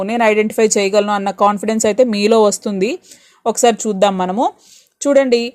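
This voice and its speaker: Woman teacher, bright higher register, reassuring exam-prep explainer. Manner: reassuring, explains step by step with rhetorical questions; mixes Telugu with English words. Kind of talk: exam-prep grammar lesson.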